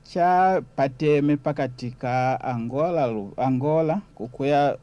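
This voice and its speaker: A man's voice: mid-range voice, slow pace, dark tone, no echo. A man with a Zambian accent, a guest explaining history in a conversational way.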